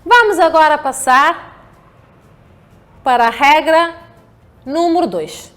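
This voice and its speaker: A woman teacher with a European Portuguese accent, giving a slow, patient lesson to children and often checking that they follow. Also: high-pitched, a bit bright, faint music behind. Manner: slow, patient, checks understanding with rhetorical questions. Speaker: primary school teacher. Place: home.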